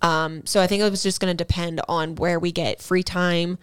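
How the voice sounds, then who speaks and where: A woman's voice: on the low side, fairly even intonation, moderate pace, smooth, no room sound, clean studio sound. A woman co-hosting a casual podcast, talking frankly and laughing often. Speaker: podcast co-host. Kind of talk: casual explicit chat.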